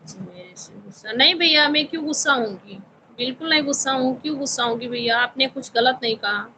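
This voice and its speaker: A woman's voice: high-pitched, fairly quick, pushed and bright, slight background noise, low-quality recording. A woman from Uttar Pradesh hosting a casual live stream, politely answering viewers' comments and calling everyone brother. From Uttar Pradesh, India. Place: home in Visakhapatnam.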